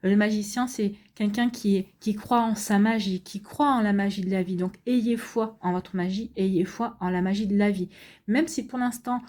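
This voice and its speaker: A woman reads tarot for her viewers in an unhurried, reassuring way. Her voice is warm and mellow, with frequent pauses and restarts, and she sounds tired. Her pitch is neither high nor low for a woman. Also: steady tone. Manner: gentle, reassuring, many fillers and restarts. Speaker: tarot reader. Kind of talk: casual tarot reading for viewers.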